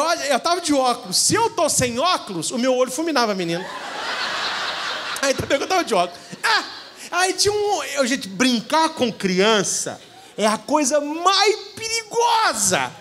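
Lively high-voiced Brazilian priest. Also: male voice. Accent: Brazilian Portuguese. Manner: animated storytelling, acting out what people said. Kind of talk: humorous talk at a couples' retreat. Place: church event hall.

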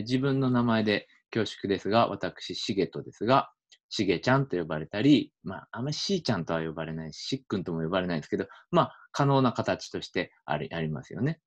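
A male linguistics researcher delivers a relaxed, explanatory video lecture, thinking aloud and using lots of fillers. His pitch is fairly low.

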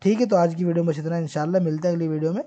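Male online tutor, mellow and warm in tone, patient and methodical, pausing to check students are following. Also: a little high. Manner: patient explaining, checks in with "theek hai". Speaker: Arabic grammar teacher. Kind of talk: recorded online lesson.

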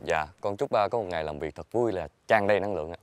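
A man's voice: deep voice, quick pace, a little hiss or hum. A young man acting in a comedy sketch, preachy and sarcastic. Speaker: comedy actor.

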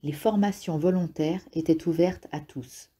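Woman audiobook narrator, dark and husky, steady delivery. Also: low voice, a little slow. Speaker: audiobook reader.

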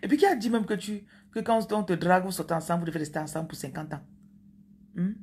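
A woman's voice: lowish voice, quick pace, a little mellow, a little hiss or hum. A woman, talking playfully and chattily to her viewers as a spiritual coach. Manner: playful, chatty, teasing asides. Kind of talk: casual monologue to viewers.

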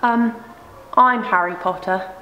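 A woman's voice: on the high side, slow pace, pushed and bright, echoey room, slight background noise, rough recording. A woman playing a plain, innocent young boy wizard in an amateur parody film.

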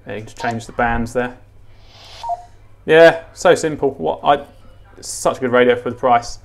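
A gravelly man's voice of medium pitch moves at a moderate pace over slight background noise. As a gadget how-to presenter at an indoor tiled kitchen counter, he gives a relaxed, unscripted tutorial, repeating things and reasoning aloud.

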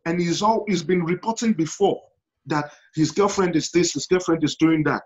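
A man's voice: on the high side, normal speed. A man with a Yoruba Nigerian accent in an impassioned panel discussion, telling stories emphatically with rhetorical questions and repetition. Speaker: panel guest. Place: indoor room at home, video call. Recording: dull, lo-fi video call.

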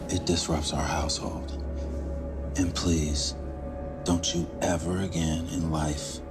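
An actor playing a controlling husband who lays down the rules of the house in a film drama. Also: male voice, a bass voice, flat delivery, slow pace, over loud music. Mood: menacing. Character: controlling, threatening husband, adult man.

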